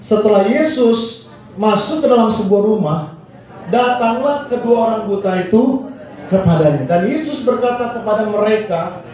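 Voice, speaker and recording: A man's voice: sits high, lively intonation, normal speed, darkish tone. A male pastor preaching a sermon in a church hall, leading the congregation in call-and-response and acting out the people he quotes. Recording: echoey hall, mic from far off.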